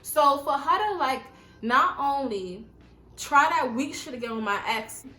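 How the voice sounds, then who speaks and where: A woman's voice: high voice, a little slow, reverberant. A woman of about twenty, telling a casual, slangy, profane storytime to her viewers. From New York. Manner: animated, slangy, profane, addresses viewers as y'all. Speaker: vlogger.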